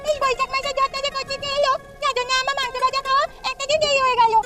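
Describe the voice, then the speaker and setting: A woman's voice: very high-pitched, level tone, rapid-fire, loud music behind the voice, voice pushed up. A woman voicing a small village girl who whines and pleads. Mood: whining. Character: little village girl, whiny and eager.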